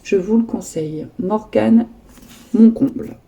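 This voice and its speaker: A woman vlogger chatting casually about her latest books, hesitant with many pauses and fillers. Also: medium pitch, vocal fry, dark tone, breathy edge, lo-fi sound. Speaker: book vlogger. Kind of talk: casual chat showing books.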